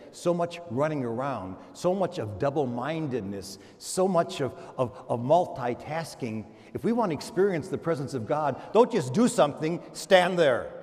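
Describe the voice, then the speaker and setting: With a mid-range, darkish voice, an older American man serving as a priest delivers a homily to his congregation. He tells stories, repeats points for emphasis and poses rhetorical questions, and the church hall echoes noticeably.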